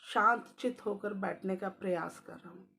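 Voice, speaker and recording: A woman's voice: medium pitch, moderate pace, sharp tone. A woman storyteller voicing a young prince turned monk who speaks earnestly and humbly, set on his path.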